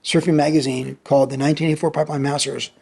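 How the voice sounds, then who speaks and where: In a podcast interview, a sixty-something American who used to surf professionally and later became a pastor tells a lively story, hammering home lines by repeating them. He talks rapid-fire in a level tone, his voice on the high side, gravelly, darkish, and slightly rough.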